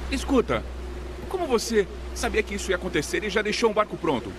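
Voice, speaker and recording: An actor dubbing an uneasy, questioning flood survivor in an action film. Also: male voice, high-pitched, sing-song, quick pace, background noise. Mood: puzzled. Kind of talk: dubbed action film dialogue.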